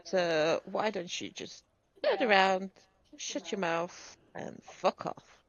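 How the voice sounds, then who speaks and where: A woman's voice: medium pitch, animated, slow pace. Woman playing a tired, scornful saloon woman. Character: tired, tipsy saloon woman with a sharp tongue. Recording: echoey lo-fi mic.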